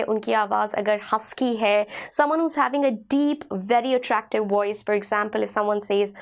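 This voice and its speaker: An Indian woman teaching an online language lesson. Her voice is hoarse from a sore throat, and she speaks patiently, repeating key phrases slowly. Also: on the high side. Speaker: English teacher.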